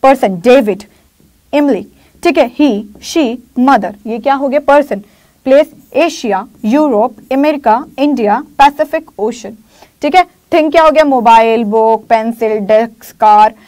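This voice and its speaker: A woman teaching English grammar in Hindi. She says English example sentences slowly, repeats key phrases and keeps checking in with her students. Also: a little high, a little mellow.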